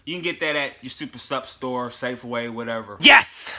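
A young man talking casually in a fitness vlog, profane and joking, with sudden loud yelled bursts. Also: medium pitch, a little fast. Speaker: fitness vlogger.

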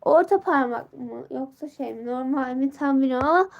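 A teenage girl streams casually from her phone, saying hello to viewers by name and voicing their comments. Though her pitch is high, a sore throat and clogged nose make it sound worn and stuffy, with vocal fry and a somewhat dark tone at a moderate pace, captured in lo-fi audio.

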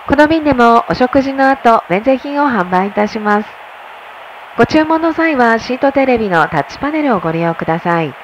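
A woman working as a flight attendant makes a formal inflight announcement over the cabin PA. She speaks in a polite, measured way from inside an airplane cabin. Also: on the high side, lively intonation, slight background noise, low-quality recording.

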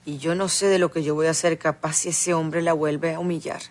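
A woman's voice: sits low, fairly even intonation, fairly quick. An actress playing a woman pastor who is bitter and indignant toward a man, in a telenovela. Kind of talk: telenovela acting.

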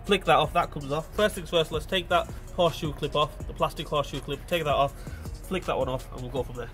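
With soft music in the background, a stuffy-nosed man talks quickly in a slightly high, fairly bright voice. He's a mechanic making a repair video, casually explaining the car fix as he works and calling his audience "guys," all captured on a phone right up by the engine.

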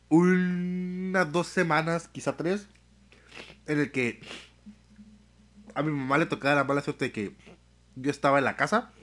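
A young man with a Mexican accent, chatting casually on a live stream, full of slang and swearing, telling stories with animated energy. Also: fairly high pitch. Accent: Mexican Spanish.

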